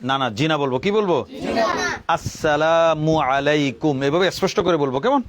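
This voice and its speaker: A man's voice: a little high, expressive, fast. A male religious teacher giving a classroom lesson in Bangladeshi Bengali, repeating questions and drilling his pupils to answer back. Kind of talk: classroom lesson with call and response. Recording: noisy room with crowd of children.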